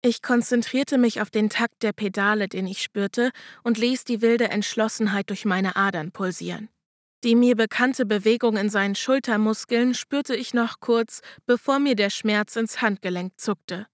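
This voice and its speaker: A woman narrating a first-person audiobook in a steady, measured reading voice. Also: medium pitch, no echo, studio quality.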